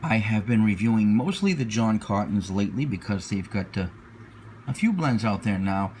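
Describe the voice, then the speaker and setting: A man's voice: fairly low pitch, animated, normal speed, a little mellow. Man giving a casual review over background noise. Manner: hesitant, searching for words, repeating himself. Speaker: pipe tobacco reviewer. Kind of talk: casual unscripted product review.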